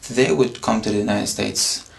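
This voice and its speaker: A man's voice: fairly low pitch, fairly even intonation, creaky. A young man from Syria, answering interview questions carefully and hesitantly. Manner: careful, hesitant, many pauses. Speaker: interview guest.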